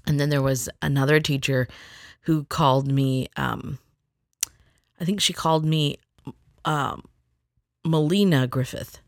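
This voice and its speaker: A woman's voice: sits low, steady tone, measured pace, pauses often, no room sound, clean studio sound. A middle-aged woman telling a rambling personal story in a chatty, casual way, acting out the people she quotes.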